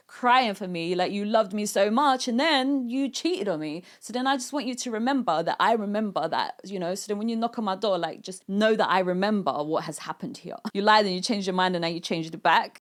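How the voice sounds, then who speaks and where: Woman in her 30s chatting about writing a song, reflective, acts out lines in a higher voice. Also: a little fast, few pauses. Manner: chatty, reflective, often acting out quoted lines in a raised voice. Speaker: singer-songwriter.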